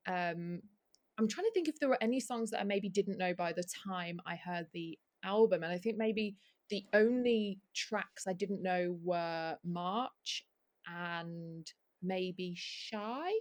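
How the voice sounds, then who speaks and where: A woman's voice: on the low side, takes it slowly. A woman chatting casually about music as a podcast panelist. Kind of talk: casual fan chat.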